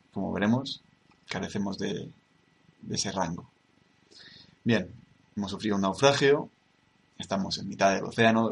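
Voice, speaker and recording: A man from teaching a yoga tutorial, speaking in a measured way and repeating key words for emphasis. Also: lowish voice, vocal fry, breathy edge. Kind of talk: spoken tutorial.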